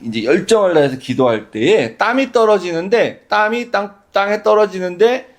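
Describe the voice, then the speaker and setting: A man's voice: high-pitched, animated, moderate pace. A man preaching a sermon as pastor, conversational and full of rhetorical questions.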